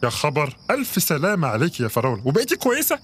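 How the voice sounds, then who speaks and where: A kindly, caring cartoon doctor, voiced by a man. His voice sits high and bright with lively swings. Faint crickets sound in the background. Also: rapid-fire, slight background noise. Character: kindly helpful doctor Tawfiq. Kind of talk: children's audio drama.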